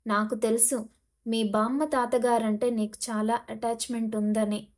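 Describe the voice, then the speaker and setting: Woman doing a worried mom, coaxing and a bit firm, kinda high voice. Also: flat delivery, a little slow, close to an everyday voice. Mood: soothing. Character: worried middle-aged mother consoling her daughter.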